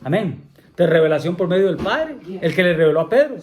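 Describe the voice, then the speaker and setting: A man's voice: high-pitched, very animated, brisk, crowd noise. A man preaching a sermon in a church, often repeating himself, asking the congregation questions and saying amén between points. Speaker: pastor.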